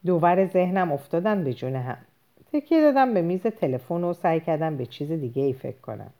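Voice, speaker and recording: A woman narrating a novel in the first person, expressive storytelling. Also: fairly low pitch. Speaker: audiobook narrator.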